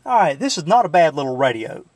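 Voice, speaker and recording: Sitting in his truck, a CB radio hobbyist casually shows off and demos his radio in a folksy show-and-tell full of filler words. His voice is fairly high, very animated, and quick, with no room sound.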